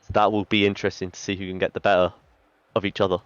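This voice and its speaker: A man's voice: low voice, level tone, very fast, dull audio, soft background music. A man commentating an online esports tournament in a chatty way, with announcer-style hype lines. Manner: chatty, reads out team chats, hype lines.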